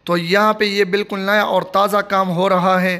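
Man, high voice, casual phone-filmed site tour vlog. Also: level tone, normal speed, sharp tone. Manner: repetitive, plain commentary while filming. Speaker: vlogger giving a site tour. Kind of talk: casual walking tour narration. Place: outdoor construction site of a stadium. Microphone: handheld phone.

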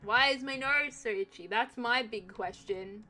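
A woman's voice: fairly high pitch, a little slow, bright, forceful tone. A young woman giving casual, jokey commentary while playing a video game, swearing now and then. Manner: chatty, swears, jokey asides. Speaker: game streamer. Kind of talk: casual let's-play commentary.

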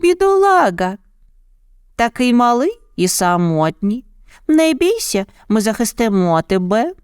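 A man voicing a flock of nosy, fussy vultures in a storybook reading, with a drawn-out, cooing delivery. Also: very high-pitched, big pitch swings, smooth, no echo, clean studio sound, pitched above the performer's own voice, full character voice. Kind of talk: storybook narration.

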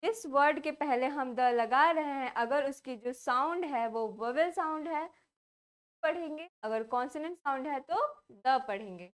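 A woman's voice: sits high, measured pace. A young woman with an Indian accent teaching English grammar, who asks questions and then answers them herself. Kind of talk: classroom lesson explaining grammar.

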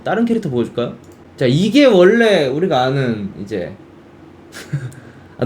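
A man's voice: on the high side, a little hiss or hum. A young man who streams games, chatting casually and acting out reactions in quoted bits. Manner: animated, exclaims and acts out quoted reactions. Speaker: game streamer. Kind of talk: casual game chat.

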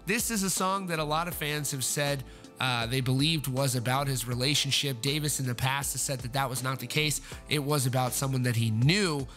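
A man's voice: mid-range voice, moderate pace, a bit bright, faint music behind. A man hosting a rock news report in voice-over, earnest and sympathetic, with many fillers and restarts. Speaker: news host.

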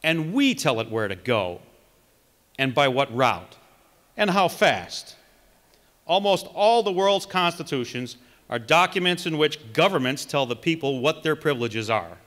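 A middle-aged man from Wisconsin, a political candidate reading a campaign speech at a podium microphone with measured emphasis. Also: a little high, big pitch swings, fairly bright tone. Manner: reads from notes, emphatic measured delivery. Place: large conference hall, indoors. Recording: long hall reverb.

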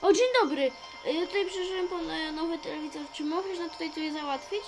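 High-voiced woman narrating game role-play. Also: fast, music in the background, poor audio. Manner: chatty, narrates own actions, excitable outbursts. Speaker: gamer playing a role-play story.

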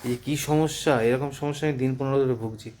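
A man's voice: medium pitch, fairly even intonation, brisk, darkish tone. A man in his thirties chatting casually on a family vlog at home at night, patiently coaching his daughter's pronunciation and talking about his day. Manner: patient, drilling a child on pronunciation, chatty asides. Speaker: vlogger.

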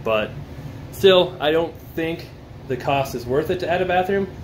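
Relaxed man narrating a house tour. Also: fairly high pitch, normal speed, a little hiss or hum. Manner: relaxed, offhand, thinking aloud with small restarts. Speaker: real estate investor giving a house tour. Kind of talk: casual walkthrough narration. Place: empty house under renovation, indoors and out.

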